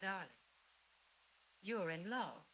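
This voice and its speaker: A middle-aged actress playing a gentle, protective mother who speaks in a soothing, motherly way, on a dull 1930s film soundtrack. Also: medium pitch, takes it slowly. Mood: tender.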